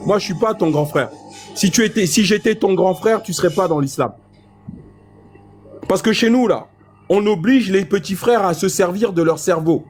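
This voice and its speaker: A man's voice: sits high, normal speed, a little mellow, soft background music. A man lecturing insistently in a heated public debate, repeating his points. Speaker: debate speaker.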